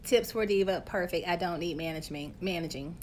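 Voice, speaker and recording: A woman's voice: on the low side, brisk, a little hiss or hum. A woman hosting a casual live stream on her phone, chatty and playful, reading viewer comments and talking straight to her audience. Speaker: host of a live stream, health coach.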